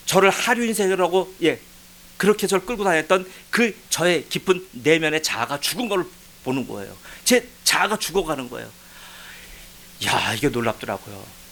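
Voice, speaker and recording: A man pastor preaching a sermon as a personal testimony, his voice shifting from hushed reflection to loud, pleading cries. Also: medium pitch, rough recording. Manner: emotional testimony, swings from quiet to loud pleading. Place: church sanctuary.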